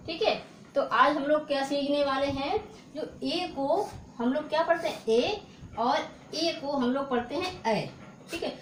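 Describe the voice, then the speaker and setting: A woman teaching children a lesson, repeating points and answering her own questions as she writes on a board. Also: sits high. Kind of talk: classroom-style lesson to children. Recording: echoey room, faint hiss.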